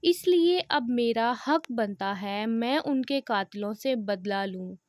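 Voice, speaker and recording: A woman's voice: fairly high pitch, lively intonation, slow pace, a little mellow, dry recording, studio quality. A woman reading the lines of a determined young man bent on revenge in an audio novel, speaking firmly and resolutely. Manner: firm, resolute speech.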